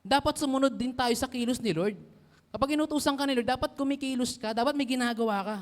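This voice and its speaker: A young man giving a lively, casual youth sermon, often teasing the audience and asking for agreement. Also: very high-pitched, fast. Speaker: youth preacher. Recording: long hall reverb.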